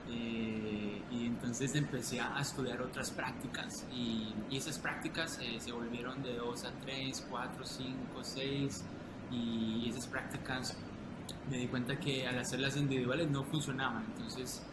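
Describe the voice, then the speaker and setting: A man's voice: medium pitch, fairly even intonation, unhurried, echoey room, heavy background noise. A man from Colombia, a guest health coach, talking casually in an interview and hesitating with many fillers and restarts.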